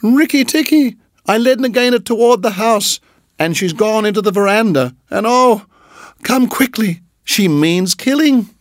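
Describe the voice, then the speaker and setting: A man voicing a frantic small female bird in a storybook reading, shrill and panicked. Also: expressive, measured pace, dry recording, clean studio sound.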